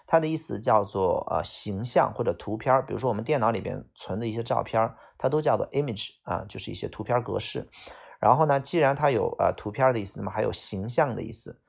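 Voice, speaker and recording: Gravelly low-voiced male teacher. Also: quick pace. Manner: explains casually with many fillers and restarts. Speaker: English teacher. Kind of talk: vocabulary lesson.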